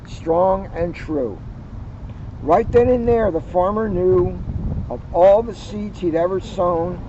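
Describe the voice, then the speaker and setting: For a community video series, a high-pitched male police officer sits outdoors at a garden center and reads to children. Between expressive, unhurried passages where he draws out each phrase ending, he chats with them informally, and the recording is dull and noisy.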